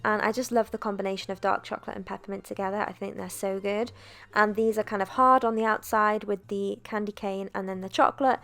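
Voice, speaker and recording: A young woman narrating a cooking video in a chatty, relaxed voice-over, with self-deprecating asides. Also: mid-range voice, fast talker. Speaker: cooking vlogger.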